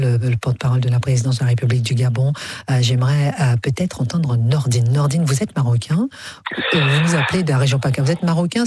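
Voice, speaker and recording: A radio talk show host, hosting briskly and often cutting in to sum things up. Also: medium pitch, darkish tone, husky, no echo. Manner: brisk, interjecting, repeats "effectivement".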